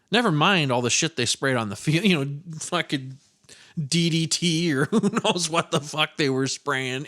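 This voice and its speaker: A man's voice: on the high side, a bit bright. A man from Iowa hosting his own podcast, telling a childhood story in a rambling, profane, self-mocking way. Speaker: podcast host. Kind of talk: casual storytelling monologue.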